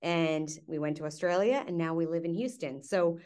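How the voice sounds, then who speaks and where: A Canadian woman in her thirties hosts a podcast with upbeat enthusiasm, chatting and interviewing over light background music. Her voice is low and somewhat dark, and she speaks at a moderate pace.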